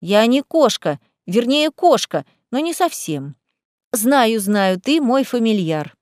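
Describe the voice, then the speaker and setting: A sly, greedy young cat familiar in female form, voiced by a woman reading a storybook. She speaks in a lazy, mocking, teasing tone, slightly high for a woman. The audio is dry and close, with no room sound. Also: big pitch swings, takes it slowly, a little mellow, dry recording. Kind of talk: audiobook character voice.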